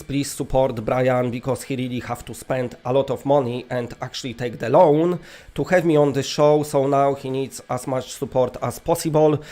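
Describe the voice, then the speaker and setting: A man's voice: medium pitch, warm tone. A man with a Polish accent presenting an award in a casual, rambling, tongue-in-cheek way.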